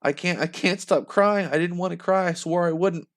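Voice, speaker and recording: A man voicing a crying eleven-year-old girl, with a high strained fake-sobbing voice. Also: expressive, fairly quick, natural voice. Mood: tearful.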